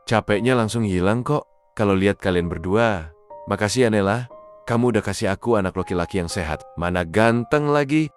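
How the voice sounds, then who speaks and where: A man voicing a sweet, affectionate young husband and new father in an animated drama. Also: on the low side, a little fast, faint music behind, lightly acted.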